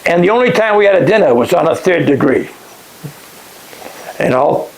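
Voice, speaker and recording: An older man, recalling lodge days in a casual interview, halting and restarting often. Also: on the high side, lively intonation, rough recording. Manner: halting, many restarts, chuckles at his own remarks. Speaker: interviewee, past lodge master. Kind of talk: casual oral-history interview.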